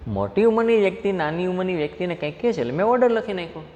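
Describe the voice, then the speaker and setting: A man with a Gujarati accent teaching English grammar, explaining each step patiently, reading example sentences slowly and asking the class questions. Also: high voice, sing-song, darkish tone, highs cut off. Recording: faint noise, long hall reverb.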